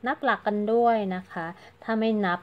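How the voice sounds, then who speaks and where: A woman's voice: on the high side, fairly quick, highs cut off. A woman giving a casual, chatty crochet tutorial, counting stitches aloud and explaining each step politely. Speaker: crochet teacher.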